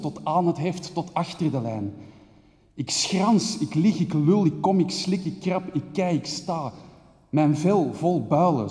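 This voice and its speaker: A man's voice: a little high, dark tone. Man in an echoing hall. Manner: rhythmic, intense word lists. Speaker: theater maker giving a speech. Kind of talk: poetic spoken-word monologue. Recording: long reverb of a hall.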